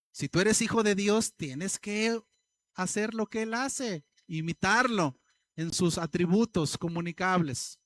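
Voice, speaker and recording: A man preaching a sermon as pastor, posing rhetorical questions to the congregation and slowing down to stress scripture. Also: high voice.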